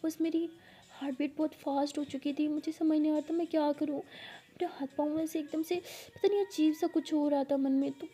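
Woman playing a flustered but reassuring young woman; high, very mellow voice, breathless and hushed. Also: fairly even intonation, brisk, lightly acted. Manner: breathless, flustered, partly whispered.

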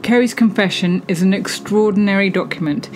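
A woman narrating a travel vlog voice-over in a calm, even way. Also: mid-range voice, a little fast, slight background noise.

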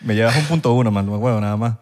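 A man's voice: medium pitch, fast, darkish tone. A man co-hosting a casual podcast, joking and teasing his guests.

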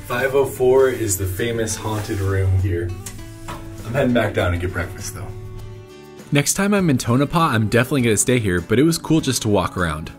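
A man in his thirties narrates a road-trip travel video in a scripted voice-over recorded separately from the footage, offering viewers practical tips in an informative way. His mid-range voice has lively intonation and a moderate pace, with faint music behind it.

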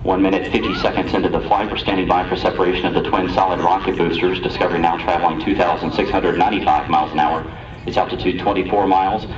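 A man reporting flight figures briskly and evenly as mission control commentator over a public-address loudspeaker. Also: sits low, fairly even intonation, music in the background. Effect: public-address loudspeaker broadcast. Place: outdoors at a launch viewing site. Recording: distant echoey loudspeaker, dull, noisy.

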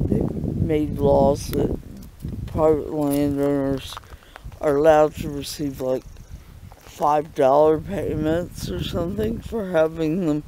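A man with a raspy voice and a stuffy nose, vlogging casually from a wooded hilltop farm, rambling and halting with frequent ums and self-mocking asides. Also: a little high, mellow, a little hiss or hum, poor audio. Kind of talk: casual outdoor vlog. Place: hilltop farm in the woods, outdoors.

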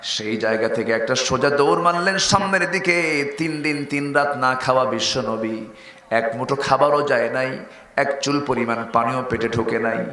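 Man, fiery sermon, call-and-response, bright forceful voice, echoing public address. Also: normal speed. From Bangladesh. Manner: rousing, rising to a high shout, then chanting. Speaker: Islamic preacher. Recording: echoey public-address sound with faint noise.

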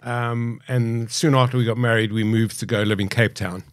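A man in his late fifties with a mild South African accent, a podcast guest recalling his past in a measured, reflective way with frequent hesitations, recorded on a studio mic. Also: medium pitch, fairly even intonation, no room sound. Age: 50s. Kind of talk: candid interview storytelling. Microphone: studio boom mic.

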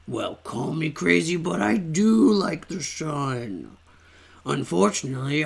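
A woman voicing a lost, sun-loving little creature from a game, complaining in a drawn-out, dramatic way. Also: fairly low pitch, vocal fry, darkish tone, husky, exaggerated voice. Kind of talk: playful game dialogue read-aloud.

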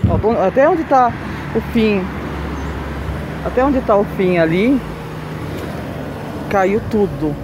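A woman's voice: mid-range voice, expressive, slow, long pauses, background noise. A Brazilian woman with a São Paulo accent chatting casually and uneasily as she walks outdoors, often exclaiming. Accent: Brazilian, São Paulo region. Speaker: vlog host. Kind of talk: casual exploration chat. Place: outdoors, walking through a cemetery.

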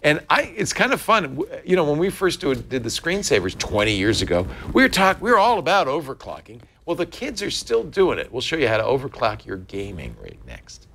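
A man's voice: a little high, huge pitch swings, a little fast, gravelly, few pauses, sharp tone, a little hiss or hum. A male show host in casual chat, joking and self-deprecating.

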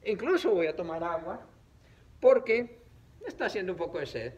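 Male teacher, slightly high voice, playful and drawn-out phonics delivery for kids. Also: muffled recording. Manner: slow, drawn-out syllables, playful and animated. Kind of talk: children's reading lesson on camera. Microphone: camera.

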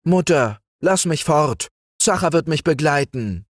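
A man's voice: medium pitch, lively intonation, a little slow, no room sound, studio quality, voice pushed up. A man reading aloud voices a restless young village lad, eager and pleading. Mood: yearning.

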